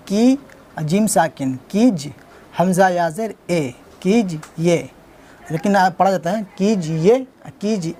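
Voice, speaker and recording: A man's voice: high voice, darkish tone, slight background noise. A man teaching how to write words, spelling them out letter by letter, repeating each word, and asking himself what it turns into. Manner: spells out letters one by one and asks himself "what does it become?"; patient, repetitive explaining. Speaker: Urdu writing teacher. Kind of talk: step-by-step writing lesson.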